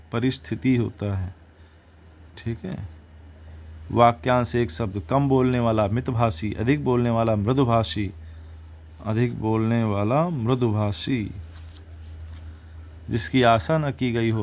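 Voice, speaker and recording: A man's voice: mid-range voice, a little mellow. A man teaching exam vocabulary, reciting words and their opposites one after another and correcting himself as he goes.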